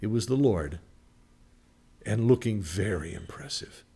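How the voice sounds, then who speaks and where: A male pastor delivering a sermon, moving between loud, emphatic preaching and quiet storytelling, with rhetorical questions and acted-out quotes. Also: on the low side, lively intonation, unhurried, creaky, slightly rough.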